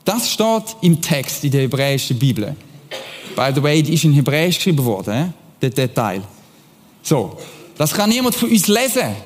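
A man preaches to a congregation, keeping a conversational tone and often putting questions to his listeners. His voice sits fairly high for a man. The sound rings with the long reverb of a church hall. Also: sing-song, moderate pace. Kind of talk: sermon.

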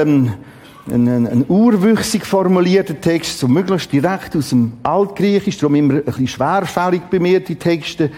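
Husky preacher, slow and emphatic. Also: male voice, on the high side, warm tone. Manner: emphatic, dramatic, exclamations and long pauses. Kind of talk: Bible teaching sermon.

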